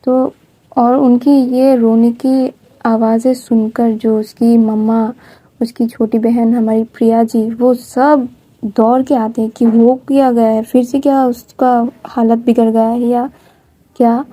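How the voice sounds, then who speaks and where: A woman's voice: fairly high pitch, flat delivery, slow, warm tone. A woman narrating a story in a casual, chatty way, with frequent restarts.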